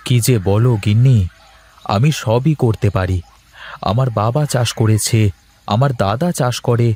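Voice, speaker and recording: Close to his everyday voice, this man speaks mid-range, a little mellow, and at a measured pace. In Bengali cartoon voice acting he plays a tired, anxious but proud married office worker, complaining in a plain, homely way.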